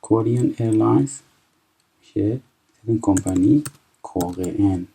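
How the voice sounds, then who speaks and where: A man in his twenties from Iran teaching a recorded French lesson, explaining step by step and reading French phrases slowly before translating them. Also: on the low side, gravelly, warm tone, slight background noise, poor audio. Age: 20s.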